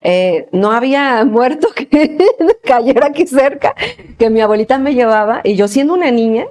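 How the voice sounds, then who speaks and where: A woman gives a personal faith testimony as an interview guest, a lively storyteller who laughs often and fills her talk with little pauses. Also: on the high side.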